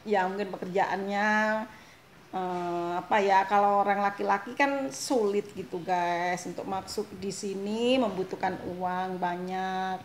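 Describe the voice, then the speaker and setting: A woman's voice: medium pitch, steady tone, unhurried. Chatty Indonesian vlogger woman, echoey room. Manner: chatty, laughs often, keeps addressing viewers as guys. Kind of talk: casual vlog chat. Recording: echoey room, faint noise.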